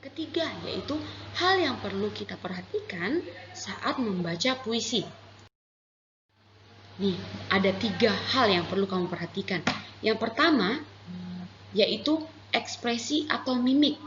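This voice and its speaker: A woman teacher with an Indonesian accent, giving a gentle, patient online lesson to young children. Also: on the high side, animated, unhurried, pauses often, a little hiss or hum. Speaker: primary school teacher. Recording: echoey room, slightly dull audio.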